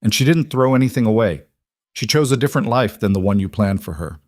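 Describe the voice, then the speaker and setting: A man voicing a calm rancher who speaks levelly and plainly. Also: fairly low pitch, fast talker, no echo, clean studio sound, lightly acted. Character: calm, steady rancher husband. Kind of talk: audiobook character voice.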